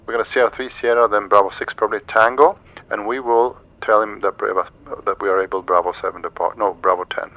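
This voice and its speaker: Low, creaky man commentating on flight simulation. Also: fairly even intonation, fast talker, few pauses, dull audio. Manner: thinks aloud through each step. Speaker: streamer flying a flight simulator. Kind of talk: live walkthrough commentary with pilot radio calls.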